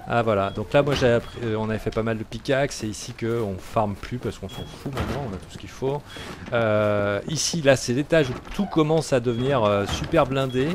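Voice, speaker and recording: A man's voice: medium pitch, fairly quick, background noise. A man giving casual gameplay commentary as a gaming YouTuber, talking in a chatty, hesitant way full of fillers.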